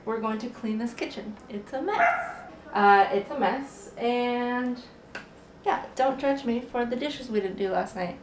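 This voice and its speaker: A vlogger in her thirties chats casually and playfully while cooking and cleaning in her home kitchen, picked up by a camera mic. Her voice is fairly high, and she takes her time.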